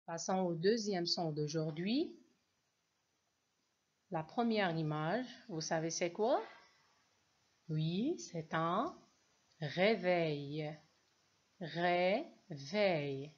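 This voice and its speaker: A woman's voice: on the low side, lively intonation, drawn-out words, long pauses. A woman teacher gives a reading lesson to children, patiently spelling out sounds and syllables. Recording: dull lo-fi recording.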